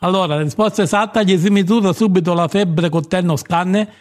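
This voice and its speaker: A man's voice: high-pitched, fairly quick, lightly acted. An actor playing a crude, easily irritated man who rambles bluntly as the quiz master of a comic radio sketch. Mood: blustering. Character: crude, cantankerous man hosting an absurd etiquette quiz.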